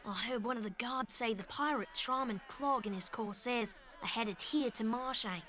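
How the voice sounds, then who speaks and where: A woman's voice: on the high side, normal speed, bright, forceful tone. An actress playing a kindly, plucky female otter in a cartoon, earnest and furtive. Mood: hushed, earnest. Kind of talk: animated cartoon acting.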